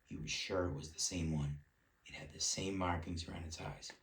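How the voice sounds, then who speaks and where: Deep-voiced dad reading aloud. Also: male voice, normal speed, echoey room, recorded from a distance, rough recording. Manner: relaxed, breaks off to chat with child. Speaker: parent reading a bedtime story.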